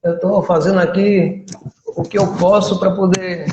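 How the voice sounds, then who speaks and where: An older man with a fairly high voice talks through an internet call that keeps breaking up and dropping out. He speaks in halting, stop-start phrases. The room around him is echoey and reverberant. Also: flat delivery, dark tone, dull audio, slight background noise. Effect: choppy internet call audio breaking up. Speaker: karate and physical education instructor, guest. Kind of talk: interview over a video call. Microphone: video call.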